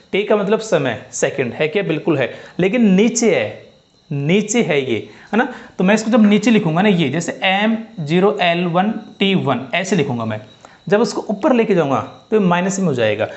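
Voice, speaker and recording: A man, whose voice sits somewhat high, teaches physics in a classroom-style lesson. He says the steps over and over and checks that the students follow. The recording is dull and lo-fi. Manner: repeats steps, asks students if they understood.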